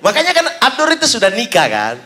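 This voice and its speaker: A young man doing stand-up comedy, telling stories with animated acted-out voices. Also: fast, a faint crowd, slight background noise. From Papua, Indonesia. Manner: animated storytelling, acts out high shouted voices of fans. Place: stage before a live audience.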